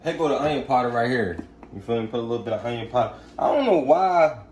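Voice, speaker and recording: A man's voice: mid-range voice, rapid-fire, roomy sound, distant mic, a little hiss or hum. A young man chatting casually in his home kitchen as he cooks for his family, laid-back and slangy, often asking "you feel me?". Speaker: vlogger cooking for his family. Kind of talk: casual cooking vlog chat.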